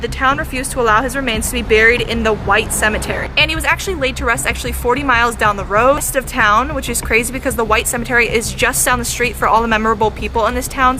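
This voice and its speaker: A young woman in a casual, chatty ghost-hunting vlog, talking directly to spirits and to her viewers. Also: on the high side. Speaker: paranormal vlogger.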